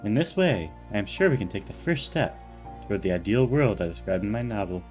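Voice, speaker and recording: A man's voice: lowish voice, expressive, a little mellow, soft background music, close to an everyday voice. A man doing a courtly old scholar. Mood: solemn. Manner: formal, measured, slow in places. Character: courtly older male scholar and novelist, grand and measured.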